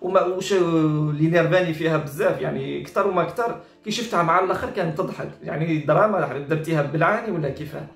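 A man's voice: a little high, fast, gravelly, a bit bright. A man with an Algerian accent giving informal, exasperated reaction commentary, repeating himself and switching between Arabic and French. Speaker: online commentator. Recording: roomy echo with faint music. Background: faint music.

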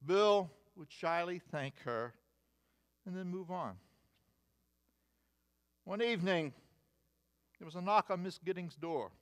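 High-voiced older pastor preaching. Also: male voice, a bit bright. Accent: American. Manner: measured, wry asides, reading lists emphatically. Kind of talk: sermon. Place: church sanctuary, at a wooden pulpit. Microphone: pulpit mic, far camera.

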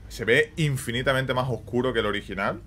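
An excitable man with a Spain Spanish accent talks his viewers through a game trailer as a gaming YouTuber. His casual reaction commentary sits at a middle pitch and keeps checking in with quick tag questions. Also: a little hiss or hum. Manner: excitable, peppers speech with quick tags.

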